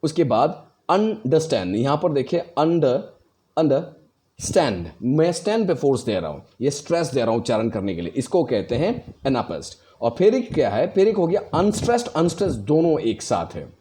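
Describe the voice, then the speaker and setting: A man's voice: on the high side, sing-song, fairly quick, dark tone. A man teaching a lesson on poetic meter, explaining patiently and stressing words to demonstrate them. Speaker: English teacher.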